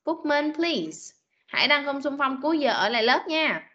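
A woman's voice: sits high, very animated, normal speed, a bit bright, dull audio. A woman teaching an online English class to children, patiently drilling words and correcting their pronunciation. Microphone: video call.

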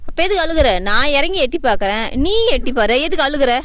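A woman with a high, light voice chats outdoors by a village well. She keeps coaxing and quizzing a child in a playful, teasing way. The talk is loose and casual. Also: expressive, quick pace, a bit bright, slight background noise. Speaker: family vlogger.

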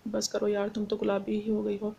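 A woman's voice: mid-range voice, fairly quick, vocal fry, slightly rough. Woman reading as a serious, reserved young man. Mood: teasing. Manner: calm, reserved, soft-spoken. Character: young man, cool and serious, then gently teasing. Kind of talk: audiobook dialogue reading.

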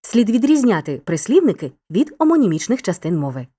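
A woman narrating a scripted school grammar lesson in a clear, upbeat, encouraging teacher's tone. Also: medium pitch, very animated, a little fast, mellow.

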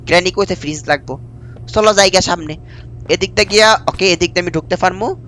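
A man's voice: high-pitched, fairly quick, sharp tone, slight background noise. A young man giving chatty let's-play commentary with a sore throat from a cold, repeating himself and calling viewers brother. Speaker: gameplay streamer.

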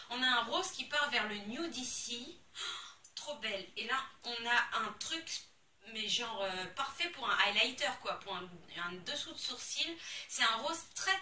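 Une jeune femme à l'français qui déballe des produits de beauté avec enthousiasme, en parlant de façon spontanée et exclamative. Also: female voice, fairly high pitch, a little hiss or hum. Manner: excitable, gushing, exclamations. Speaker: beauty vlogger. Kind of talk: casual unboxing chat. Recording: echoey room, somewhat far from the mic.

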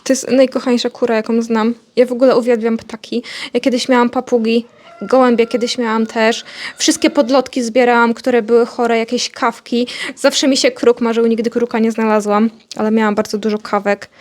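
A woman's voice: fairly high pitch, level tone, normal speed, a little mellow. A young woman, chatting casually in her vlog about her pets. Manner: chatty, talks fondly to her animals. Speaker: vlogger.

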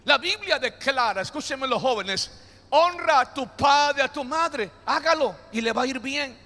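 A man's voice: very high voice, expressive, moderate pace, pushed and bright. A man preaching a sermon as pastor, joking with the congregation and calling them to repeat after him. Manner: preaching with call-and-response to the congregation; jokey, playful asides. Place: church hall. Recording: long hall reverb.

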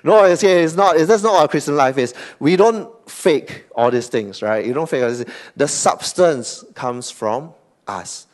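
A Singaporean man preaching a sermon as pastor, animated, often tagging lines with "okay?" and "right?", swinging between loud emphasis and soft asides. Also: a little high, measured pace.

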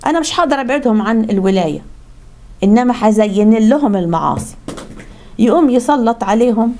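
A woman's voice: medium pitch, dark tone. A woman with an Egyptian accent giving a conversational religious talk, telling stories and often restarting her words. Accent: Egyptian Arabic. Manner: fast, conversational, frequent restarts. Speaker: religious speaker.

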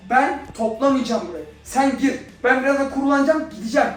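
A young man hosting a casual prank vlog, talking in an excitable, teasing way. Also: extremely high pitch, fast. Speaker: vlogger. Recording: echoey room, far from mic, music behind.

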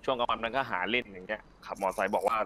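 Brief: earnest, rambling male gang leader, bright edge, fast delivery. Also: fairly low pitch, fairly even intonation. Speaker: leader of a new gang in a role-play server. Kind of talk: in-character role-play chat.

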